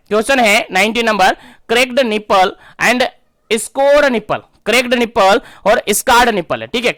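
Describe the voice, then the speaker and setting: A man's voice: high voice, pushed and bright, dry recording, studio quality. A young man teaching an online nursing exam-prep class, emphatic, repeating key answers back as quiz questions.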